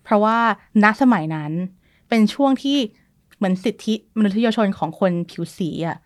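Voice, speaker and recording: Us-born woman with english as her first language, relaxed chatty guest, everyday mid voice, drops english words in. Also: medium pitch, moderate pace. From United States. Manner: relaxed, chatty, mixes English terms into speech. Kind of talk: casual chat explaining history.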